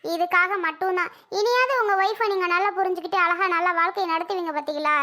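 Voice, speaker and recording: Woman voicing a very high bright cartoon sister-in-law. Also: fast talker. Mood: earnest. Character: caring young woman, sister-in-law, earnest.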